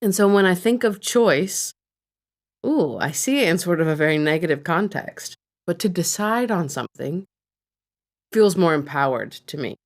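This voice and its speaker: Co-hosting a podcast, a woman chats openly and pokes fun at herself in a relaxed conversation. She speaks at a normal speed in an animated, fairly low-pitched voice.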